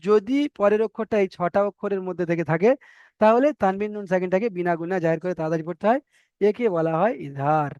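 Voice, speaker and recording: Male recitation tutor, high clear voice, slightly dull lo-fi sound, drills rules by rote. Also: darkish tone, dry recording. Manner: drills rules in fast repeated formulas, spells letters slowly. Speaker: Quran recitation teacher. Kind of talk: online tajweed lesson.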